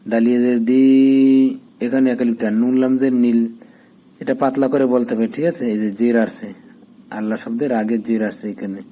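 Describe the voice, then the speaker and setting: A man gives a patient recitation lesson, naming letters and vowel marks one at a time. His voice is mellow and dark, and he keeps an even, level delivery. He stretches out his chanting slowly. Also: medium pitch, poor audio. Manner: slows down for drawn-out chanted recitation. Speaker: Quran recitation teacher. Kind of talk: step-by-step recitation tutorial.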